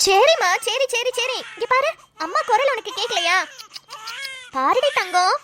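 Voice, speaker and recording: A woman's voice: very high voice, animated, measured pace, bright, forceful tone, full character voice. A woman voicing a harried young mother in a cartoon, exasperated and scolding as she complains. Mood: frustrated. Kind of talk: cartoon voice acting.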